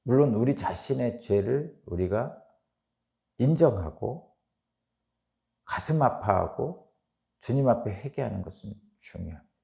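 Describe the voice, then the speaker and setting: Man, middle-aged, pastor, sermon, rhetorical questions, gravelly, mellow. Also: medium pitch, a little slow, pauses often. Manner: reads scripture aloud, then explains with animated rhetorical questions. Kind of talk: early morning sermon.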